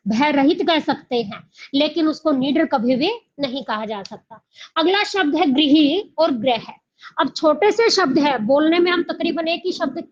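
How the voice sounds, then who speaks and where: Casting note: a high-pitched woman teacher, questions and answers her own points, captured on a dull lo-fi recording. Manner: asks the class questions and answers them herself; repeats key words slowly. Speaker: Hindi teacher. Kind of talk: exam coaching lecture.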